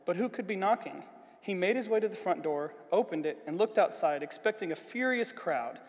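A man reading a storybook aloud in a church, with a steady, expressive delivery. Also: sits high, brisk, big-room sound, poor audio. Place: church hall.

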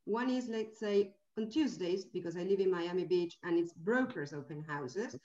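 A woman's voice: lowish voice, moderate pace, darkish tone. A woman real estate agent on a video call, asking careful, polite questions. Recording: distant, dull, roomy sound.

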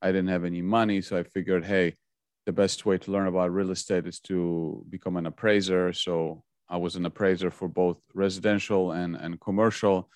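A man in his forties from Poland with a Polish accent, a guest explaining investing in a measured podcast interview. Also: low voice, flat delivery, a little mellow, no room sound.

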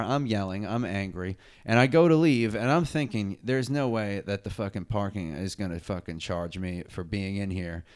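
A man's voice: lowish voice, clear, resonant tone. A man casually telling a long story on a podcast, swearing constantly and saying "dude" and "bro". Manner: profane, animated storytelling with lots of "dude" and "bro". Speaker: podcast co-host.

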